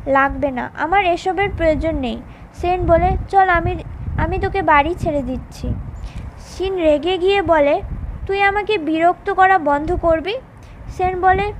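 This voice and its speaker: Woman, very high voice, drama recap storytelling, own voice for quoted lines, faint hiss behind. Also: rough recording. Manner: quick plain storytelling that reads out the characters' lines in her own voice. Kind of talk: retelling a drama episode with quoted dialogue.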